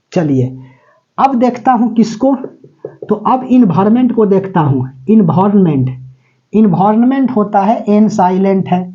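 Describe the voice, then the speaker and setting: A man's voice: high voice, warm tone. Chatty male biology teacher, dull sound. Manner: chatty, keeps asking if students follow; mixes English terms into Hindi. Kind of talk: classroom lecture.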